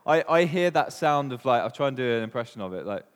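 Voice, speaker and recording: A Welsh-accented preacher delivers an informal sermon, chatting casually, quizzing the congregation and dropping plenty of ums. His mid-range voice is very animated, quick and smooth. A hall's long reverb colours the recording.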